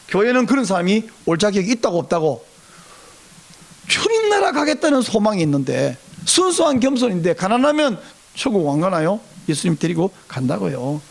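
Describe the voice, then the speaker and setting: A man preaching a Sunday sermon as pastor, lively and conversational, asking the congregation rhetorical questions. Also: sits high, creaky, slightly rough.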